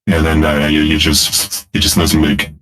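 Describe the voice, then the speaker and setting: A man speaking through a distorted voice changer that makes him sound deep and loud. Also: completely flat delivery, normal speed. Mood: boastful. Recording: distorted, off-mic voice changer audio.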